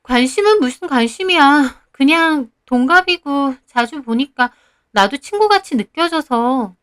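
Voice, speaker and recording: A woman voicing a brash divorced woman who snaps back defensively, with shrill, indignant retorts. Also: expressive, unhurried, a bit bright. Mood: dismissive.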